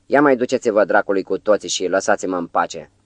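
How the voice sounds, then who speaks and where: A man's voice: deep voice, no echo, lightly acted. A man voicing an angry, rude young poet who talks irritably and with scorn, in an audiobook.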